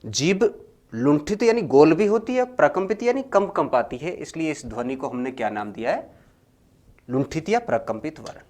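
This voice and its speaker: A man teaching a grammar lesson, slowly dictating notes and repeating each phrase for students to copy, then explaining more loudly. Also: a little high, big pitch swings. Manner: swings between loud explaining and quiet dictating.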